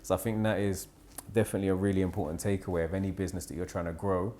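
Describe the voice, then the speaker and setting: A man hosts a relaxed podcast conversation in a fairly low voice. He thinks out loud, sums up what his guest has said, and steers the talk toward the next question. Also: racing, a little hiss or hum. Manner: relaxed, reflective, summarises guest's points. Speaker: podcast host. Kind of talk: casual podcast interview.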